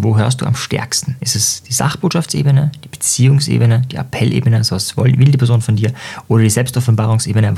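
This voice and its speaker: Guy with a gravelly husky voice, podcast host chatting thru examples, throws in jokey asides. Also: medium pitch. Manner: lively, uses quick asides and tongue-in-cheek jokes. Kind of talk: explaining with examples to listener.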